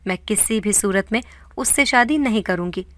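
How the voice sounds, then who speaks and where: A woman's voice: mid-range voice, a bit bright, dry recording, close to an everyday voice. A woman voicing a defiant young woman refusing a forced marriage, speaking emotionally in a storybook tale.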